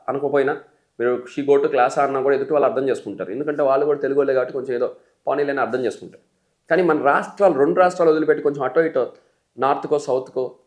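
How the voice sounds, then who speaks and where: A man from the Telugu states teaching English as an exam coach, animated, mimicking learners' mistakes and calling the viewers friends. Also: mid-range voice. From Telugu states of India. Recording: echoey room.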